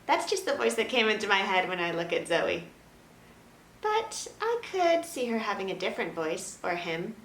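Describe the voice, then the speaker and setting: A woman teaching a children's drama lesson in a gentle, clear, instructive way. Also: mid-range voice, big pitch swings, normal speed, a little hiss or hum. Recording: roomy echo, faint ambience.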